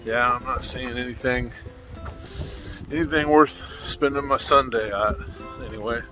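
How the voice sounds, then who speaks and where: Middle-aged male vlogger, low-key browsing commentary over music, phone-recorded. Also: steady tone, unhurried. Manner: muttering asides while browsing. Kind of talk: casual walk-through commentary. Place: large warehouse auction hall, indoors. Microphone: handheld phone camera.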